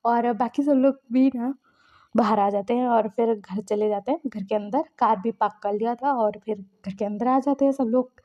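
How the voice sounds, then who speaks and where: A woman's voice: fairly high pitch, moderate pace, highs cut off. Chatty woman narrating fan fiction. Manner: chatty, loose, many fillers. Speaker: storyteller.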